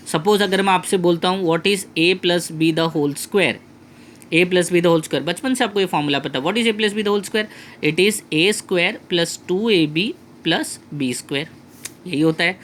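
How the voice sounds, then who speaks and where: A male math tutor with an Indian English accent, teaching a lesson and repeating key phrases slowly to his students. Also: sits high, fairly bright tone, slight background noise. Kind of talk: classroom lesson.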